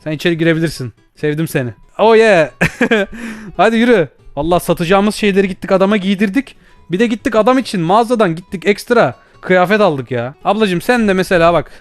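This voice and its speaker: A man's voice: sits high, brisk, no echo. A young man giving playful, teasing commentary while playing a VR game. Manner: excitable, teasing, bursts of shouting and laughter. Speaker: gaming YouTuber. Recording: faint background music.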